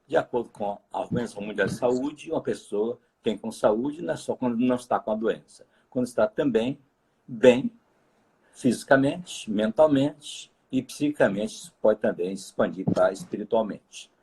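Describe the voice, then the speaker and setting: A man, speaking as a guest expert in a measured, lecturing way. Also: mid-range voice, warm tone, breathy edge. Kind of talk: explanatory conversation.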